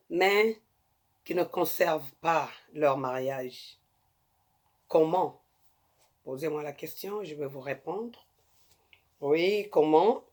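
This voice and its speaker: A woman hosting a talk show, giving marriage advice in an emphatic, repetitive way and speaking straight to her listeners. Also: low-pitched. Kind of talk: preachy talk-show monologue.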